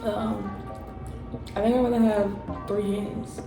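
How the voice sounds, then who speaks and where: A young woman joins a food challenge as a guest and teases the host with quick, playful comebacks. Her voice bounces around an echoey room with music playing behind it. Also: medium pitch, level tone. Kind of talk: casual mukbang chat.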